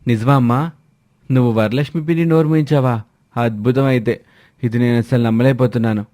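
A man voicing a lively, playful young adult son. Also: medium pitch, brisk, natural voice. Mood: amazed.

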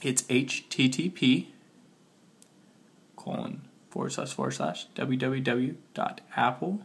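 A man's voice: mid-range voice, huge pitch swings, gravelly. A man who is sick and sounds slightly muffled, giving a casual step-by-step phone tutorial as he works through it and spells things out. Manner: talking while working on a phone, spelling things out slowly. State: sick with a cold. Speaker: tutorial host.

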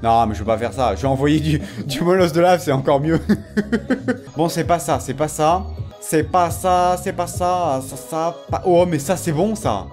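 A man giving excited live commentary on his own mobile game matches, groaning, swearing and shouting at the game. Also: on the high side, normal speed, faint music behind. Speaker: gamer streaming a mobile game tournament.

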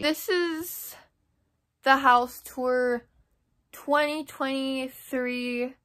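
Holding her camera or phone at arm's length, a young vlogger chats her way through the rooms of her home in a slow, halting manner. The voice is a little high with a fairly bright tone, and she sounds hesitant, piecing her thoughts together as she speaks.

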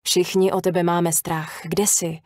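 A woman voicing a protective male small-town sheriff's deputy who talks calmly and firmly. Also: fairly low pitch, no echo, clean studio sound, natural voice. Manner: calm, firm, slow.

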